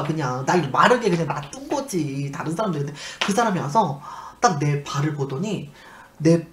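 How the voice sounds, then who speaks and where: A young South Korean man chats casually to his viewers and tells a personal story. His pitch swings widely as he acts out the voices of the people he quotes. The recording sounds echoey, with faint noise behind him. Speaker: YouTuber.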